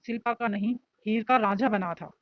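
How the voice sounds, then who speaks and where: A woman's voice: medium pitch, moderate pace, lightly acted. Lady doing a shy lovesick college boy, earnest, bit defensive, muffled audio. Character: shy, lovestruck young male student.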